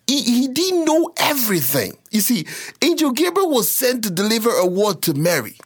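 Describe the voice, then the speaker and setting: A woman preaching a sermon, reading scripture aloud and explaining it, building to near-yelling emphasis and slowing on key words. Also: medium pitch.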